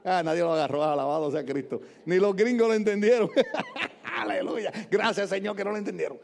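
An older Puerto Rican pastor preaching in church with a notably high voice. He swings from joking asides to emphatic points. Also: huge pitch swings, fairly quick, vocal fry. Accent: Puerto Rican Spanish. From Puerto Rico. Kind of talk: sermon. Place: church with congregation.

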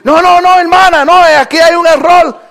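A man voicing an earnest young churchgoer in love who prays loudly for a sign and protests when it goes wrong. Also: extremely high pitch, unhurried, creaky, faint music behind, full character voice. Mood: alarmed. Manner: earnest pleading prayer, loud protest.

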